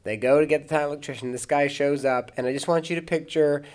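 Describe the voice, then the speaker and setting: An American pastor who hosts a podcast tells long anecdotes in casual chat, restarting often and breaking into bursts of laughter. His voice is a little high and a little mellow, with a steady tone and quick pace.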